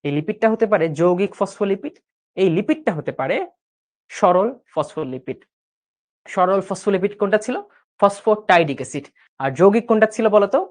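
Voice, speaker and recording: Male tutor, 20s, brisk quiz-style recap with frequent check-ins and English asides. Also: high voice. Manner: brisk quizzing, checking in often with rhetorical questions; mixes English words into his speech. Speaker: biology tutor. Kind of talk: online recap lesson.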